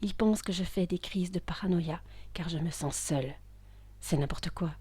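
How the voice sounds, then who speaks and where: A woman narrating a first-person story in a hushed, intimate voice that is often whispered, with tense outbursts. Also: on the low side, normal speed, husky, dry recording.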